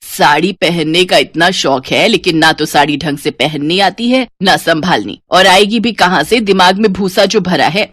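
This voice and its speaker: A woman's voice: on the low side, normal speed, few pauses, fairly bright tone, no echo, clean studio sound. Woman doing a nagging cartoon mother. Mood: scolding. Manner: nagging, scolding. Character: scolding middle-aged mother, sharp-tongued.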